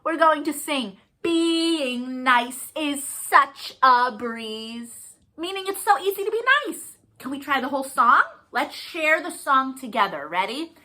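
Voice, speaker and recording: A woman with a high, bright, forceful voice leads a children's storytime, speaking slowly and with lots of animation. She reads, explains and sings to young children in simple, sing-song phrases, sounding expressive and encouraging.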